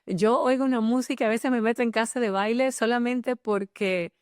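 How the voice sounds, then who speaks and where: A woman's voice: a little high, moderate pace, clear, resonant tone, no echo, studio quality. A woman from the Dominican Republic with a Dominican accent, a guest talking animatedly and enthusiastically in a casual interview. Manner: animated and enthusiastic, with fillers and restarts.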